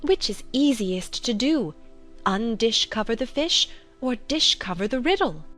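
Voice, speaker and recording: A woman's voice: fairly high pitch, lively intonation, measured pace, fairly bright tone. An actress playing a scatterbrained, good-natured storybook queen in a theatrical, singsong manner. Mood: riddling. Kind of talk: dramatized storybook recitation and dialogue. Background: music.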